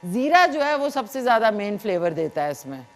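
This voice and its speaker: A woman's voice: on the high side, very animated, brisk, soft background music. A woman hosting a live cooking show in a Pakistani Urdu accent, chatting with callers and explaining each step as she cooks. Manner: chatty, demonstrative, explains recipes while cooking.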